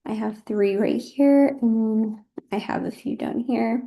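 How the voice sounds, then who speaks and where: A woman's voice: on the high side, a little slow, creaky, dark tone. A heavily pregnant woman, out of breath, giving an informal student presentation in a conversational, apologetic way. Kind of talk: informal design project presentation.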